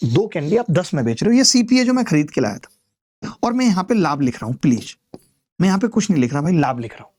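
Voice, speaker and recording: A man teaching an exam maths lesson in a lively, chatty way, putting questions to his students. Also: sits high.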